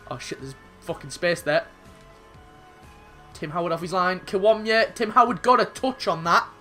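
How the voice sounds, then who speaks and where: A young man commentating his own football video game match, excitable and swearing, with sudden shouts when goals go in. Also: high-pitched, normal speed, soft background music. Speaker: gaming YouTuber.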